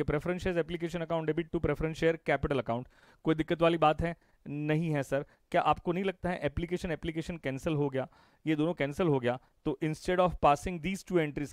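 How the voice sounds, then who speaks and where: A man with an Indian English accent teaches an online class in a slightly high voice, the sound close and dry. He jokes with students by name, repeats key phrases back and forth, and asks a question and then answers it. He switches freely between Hindi and English terms. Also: dry recording. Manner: repeats key phrases in call-and-response drills. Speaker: commerce teacher. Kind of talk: live online revision lecture.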